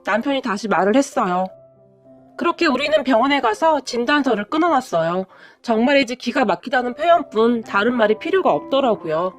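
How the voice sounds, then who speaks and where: A woman narrating a first-person drama story in a dramatic, expressive storytelling manner. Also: a little high, fairly quick, faint music behind.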